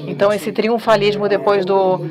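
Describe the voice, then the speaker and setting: A woman giving an academic talk at a panel, speaking in a measured way and pausing often with fillers. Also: medium pitch, level tone, crowd noise.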